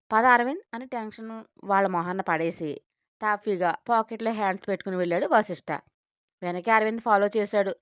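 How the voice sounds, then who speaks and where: A woman's voice: mid-range voice, no echo, highs cut off. A woman narrating a serialized audio drama, reading out every character's lines in her own voice. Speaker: storyteller. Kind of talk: scripted audio story narration.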